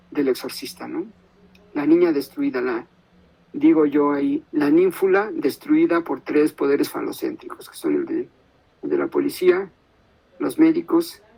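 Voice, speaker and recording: A man lecturing over a video call. His voice sits a little high and has a gravelly, fry-laden texture. He thinks aloud in a measured way, pausing often and checking in with his listeners. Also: darkish tone, low-quality recording. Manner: thoughtful, many pauses and tag questions. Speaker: guest lecturer.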